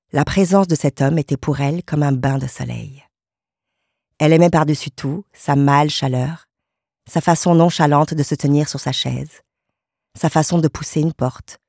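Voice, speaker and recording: A woman narrating a literary short story in a calm, measured way. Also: low-pitched, husky, no room sound, clean studio sound. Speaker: audiobook narrator.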